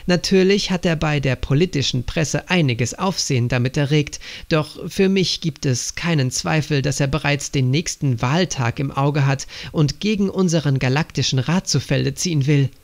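A man's voice: fairly high pitch, normal speed, few pauses, lightly acted. A man voicing an earnest young woman agent reporting to her father in an audiobook.

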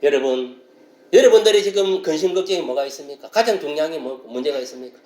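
A man preaching a sermon as pastor, explaining a passage and now and then breaking into loud shouted exclamations. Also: on the high side, lively intonation, quick pace, reverberant.

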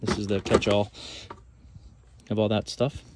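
A man's voice: lowish voice, flat delivery, a little slow, very noisy. A self-employed HVAC technician giving a casual, rambling tour of the gear in his work van, listing items with many fillers.

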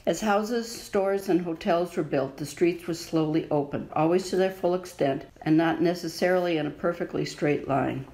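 A woman, a local historian and author, presenting a town's history in a measured, prepared talk over a slideshow. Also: on the low side, a little mellow, low-quality recording. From United States. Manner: measured, informative, reading from a prepared text.

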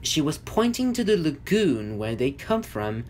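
Lively male storybook reader. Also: a little high, a little slow, slight background noise. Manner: lively, with small slips and restarts. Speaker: audiobook reader. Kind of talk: storybook narration.

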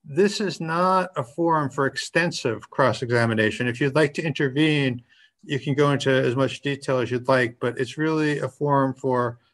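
A man's voice: medium pitch, moderate pace, fairly bright tone. A man chairing a public hearing as presiding officer, polite but firm.

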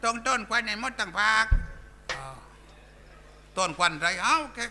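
A man's voice: high-pitched, normal speed, sharp tone. A man voicing a bawdy male village clown in a Southern Thai accent, telling coarse jokes in a live shadow puppet show. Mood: bawdy joking. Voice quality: coarse, rowdy, bantering.

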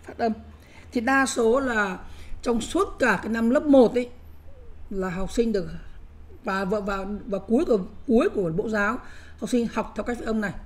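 A middle-aged woman with a slightly high voice lectures teachers at a normal speed. She is emphatic and repeats words, often checking that listeners follow with frequent "nhé" asides.

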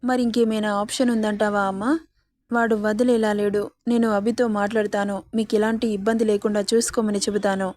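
A woman's voice: medium pitch, level tone, a little fast, a little mellow, dry recording, close to an everyday voice. A woman voicing a frightened young woman held captive, who pleads and speaks through tears in a storybook reading. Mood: pleading. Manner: pleading, tearful.

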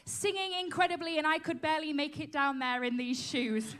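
Female cruise director, upbeat host with Northern English accent, high voice; echoey spaces, loud music behind. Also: brisk, slight background noise. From Yorkshire, England. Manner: upbeat cruise director delivery, cheery and enthusiastic. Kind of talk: presenting to camera and audience. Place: large cruise ship atrium, theatre stage, open port. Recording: echoey, distant mic, loud music and crowd.

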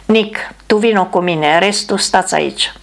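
A woman reading the lines of a male bomber captain who gives steady, commanding orders. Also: medium pitch, gravelly, lightly acted. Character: man, a calm bomber captain giving orders.

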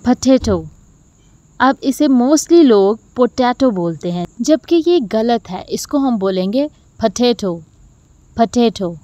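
A woman teaching a pronunciation lesson, saying each word slowly and repeating it with care. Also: a little high, lively intonation, mellow, no room sound. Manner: slow, careful repetition of words. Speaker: English teacher.

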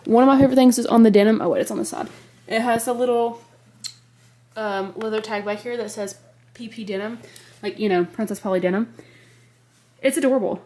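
An American fashion vlogger in her twenties chats about a clothing haul in her bedroom, holding a compact camera at arm's length. Her voice is fairly high, warm, slightly congested and nasal, a little fast with long pauses, and she gushes emphatically with frequent "like".

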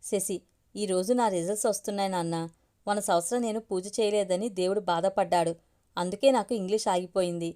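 A woman's voice: medium pitch, fairly even intonation, quick pace, warm tone, lightly acted. A woman voicing a chatty college girl. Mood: playful. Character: young college girl, playful daughter.

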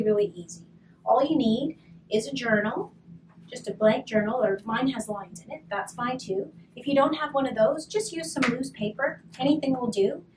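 Slightly high-voiced and a little off-mic, a woman in her thirties volunteers at a hospice, reading storybooks to children and showing them an activity. Her delivery is soft, slow and gentle, frequently dropping to a whisper. She's recorded indoors in a curtained room by a far-off camera mic that picks up faint room noise.

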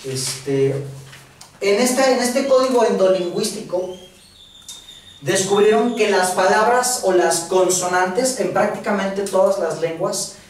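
A man's voice: high-pitched, measured pace. A man with a Mexican accent giving a casual, slangy classroom lecture, checking in with his students. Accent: Mexican Spanish. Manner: casual, slangy lecturing with filler words and questions to the audience. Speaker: course instructor. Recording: echoey room, voice from far off, faint noise.

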